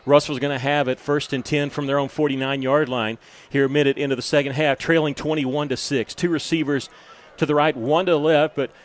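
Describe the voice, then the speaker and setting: A middle-aged man calling high school football play-by-play, out of breath and getting louder on big plays. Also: fairly quick, few pauses. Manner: excitable, rising to loud calls on big plays. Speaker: play-by-play announcer.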